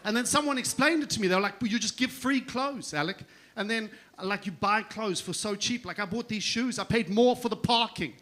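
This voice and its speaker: Bright-voiced South African stand-up man. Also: high voice, a little fast, few pauses. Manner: crude, rowdy banter with the crowd. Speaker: stand-up comedian. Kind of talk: stand-up comedy. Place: comedy club stage.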